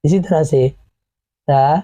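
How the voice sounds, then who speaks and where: A man with a Pakistani Urdu accent teaching Quran reading in an online class, sounding out each syllable slowly and repeating it. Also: a little high, dark tone, no echo, poor audio.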